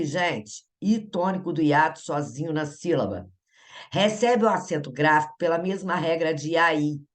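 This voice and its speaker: A Brazilian woman teaching Portuguese grammar in an exam-prep lesson. She talks in a chatty way, asks the viewer questions and laughs at herself. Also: low voice. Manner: upbeat viewer prompts.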